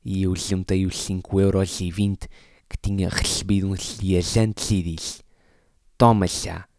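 A man, telling an absurd story deadpan as a stand-up comedian. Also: deep voice, a little slow, no echo, studio quality.

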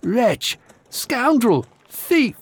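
A man voicing an enraged giant woman, loud and shrieking with fury. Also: sits high, lively intonation, measured pace, voice pushed up. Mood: furious. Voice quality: shrieking and thunderous.

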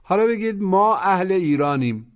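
A man's voice: high-pitched, lively intonation, clear, resonant tone. A man teaching a language course, giving patient step-by-step instructions for repetition drills. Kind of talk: explaining drills in Persian.

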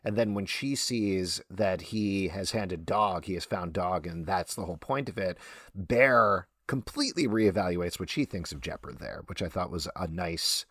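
A man's voice: sits low, normal speed, a bit bright, no room sound, studio quality. A man co-hosting a podcast, earnestly and self-deprecatingly talking through a TV episode at length. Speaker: podcast co-host. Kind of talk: casual TV episode discussion.

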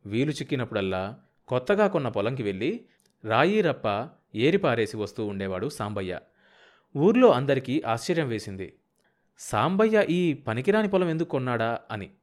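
A man narrating a novel as an audiobook in a steady, measured way. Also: medium pitch. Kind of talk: novel reading.

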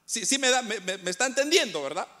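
A man's voice: extremely high pitch, lively intonation, quick pace, pushed and bright. A middle-aged male preacher delivering a sermon, speaking to the congregation as brothers with rhetorical questions and repeated words.

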